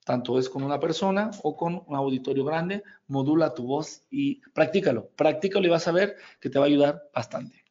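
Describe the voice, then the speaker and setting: A man's voice: a little high, a little mellow. Folksy Mexican man coaching sales teams. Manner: folksy and joking, calls the listener compadre. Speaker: network marketing trainer. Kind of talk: motivational coaching talk. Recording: dull lo-fi recording.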